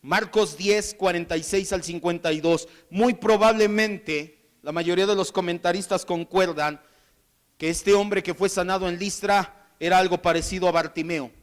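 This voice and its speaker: A male pastor preaching a sermon, acting out the shouts and voices of the Bible figures. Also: high-pitched, fairly even intonation, normal speed.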